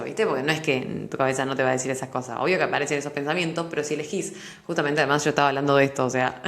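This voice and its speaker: A young woman with a Rioplatense accent talks quickly in a low register, hosting a solo podcast. She explains things animatedly, leaning on everyday examples. Her voice bounces around an echoey room. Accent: Rioplatense Spanish. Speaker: podcast host. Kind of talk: casual solo podcast talk.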